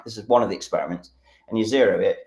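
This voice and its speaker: An English man whose voice sits fairly low. He walks through a science demonstration during a live stream, talking with eager enthusiasm. He rambles, stops and starts, and fills his pauses with "um". The sound is echoey and roomy. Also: gravelly, a little mellow. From England. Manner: enthusiastic, rambling, many fillers. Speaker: science educator.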